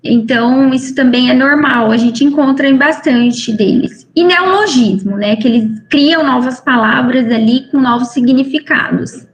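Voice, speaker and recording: A woman's voice: sits high, normal speed, few pauses. A woman physician with a Brazilian Portuguese accent giving a medical lecture, explaining step by step with frequent fillers and rhetorical tag questions.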